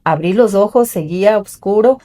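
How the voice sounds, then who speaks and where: A middle-aged woman tells her own story in an interview. Her voice sits at an ordinary middle pitch, and she speaks in an earnest, personal way. She often acts out the voices of the people she remembers. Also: normal speed, dark tone.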